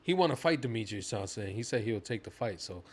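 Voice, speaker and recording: A man's voice: lowish voice, animated, a little fast. A man co-hosting a casual live-stream chat, laid-back and swearing freely as he talks. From United States. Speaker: podcast co-host.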